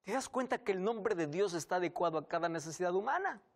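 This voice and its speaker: A man's voice: animated, fast. A male pastor preaching a sermon, teaching and putting rhetorical questions to the listener. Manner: swings between hushed low passages and raised emphatic ones.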